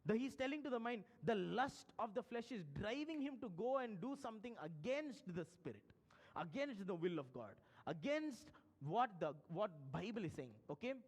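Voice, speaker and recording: A male pastor with a Telugu-tinged Indian English accent preaches a live sermon. His voice sits high and swings widely as he fires questions at the congregation and acts out voices. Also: very animated, moderate pace.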